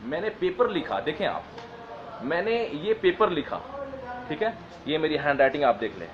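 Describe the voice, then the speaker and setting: Brief: man, fairly high voice, earnest and repetitive, faint background hum, casual advice talk. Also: big pitch swings, dull audio. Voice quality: modest, apologetic about his English. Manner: earnest, repetitive, reads long list slowly. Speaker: advice speaker on careers.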